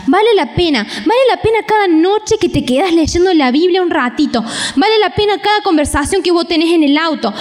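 A high-voiced woman with a Rioplatense accent preaches to a congregation, talking to them directly and acting out parents' voices. Her voice rings out with a long hall reverb, as in a large church. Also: background noise. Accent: Rioplatense Spanish. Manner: animated, conversational, acts out parents' voices. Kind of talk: sermon.

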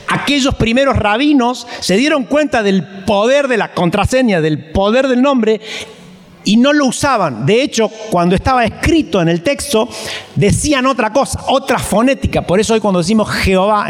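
A man's voice: sits high, big-room sound. A man preaching a sermon, asking emphatic rhetorical questions and reading scripture aloud.

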